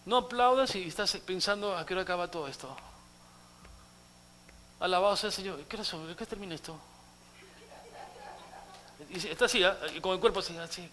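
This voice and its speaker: A male pastor preaching a sermon dramatically, acting out quotes and swinging from loud outbursts to hushed asides, in a church. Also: high voice, fairly quick, pauses often, slight background noise.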